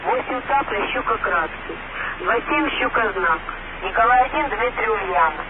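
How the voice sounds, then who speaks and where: A man spells out a coded message over a radio, running through it again and again. The line is thin and phone-like, with a clear hiss under it. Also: sits high, lively intonation, normal speed. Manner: repetitive call-sign spelling with phonetic names.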